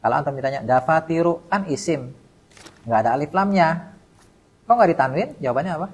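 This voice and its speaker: Brisk, expressive and husky, a man's voice on the high side carries an Arabic grammar lecture at a mosque study session. He drills the class in call-and-response, naming students to quiz and leaving words hanging for them to complete, in low-quality audio.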